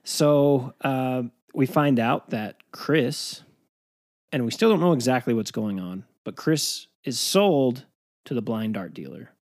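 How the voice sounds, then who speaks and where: A man hosting a podcast, retelling a film's plot in loose, rambling chat. He speaks in a mid-pitched voice, swears freely and often laughs mid-story. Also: lively intonation, slow pace, a little mellow. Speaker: podcast host. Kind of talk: casual film recap chat.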